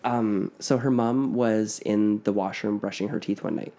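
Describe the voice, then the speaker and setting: A man's voice: fairly low pitch, moderate pace, mellow. A man co-hosting a podcast, telling a spooky family story in a casual, rambling way full of fillers and restarts. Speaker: podcast co-host.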